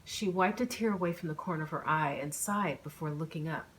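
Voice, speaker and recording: Woman author narrating her own audiobook, low voice, plain and even. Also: brisk.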